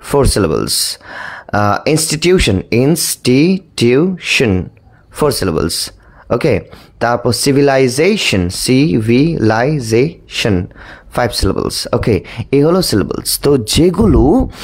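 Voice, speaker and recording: Lively male English teacher drawing out words. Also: mid-range voice. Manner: stretches out words, spelling and repeating them slowly; frequent fillers and restarts, asking and answering his own questions. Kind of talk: explanatory lesson.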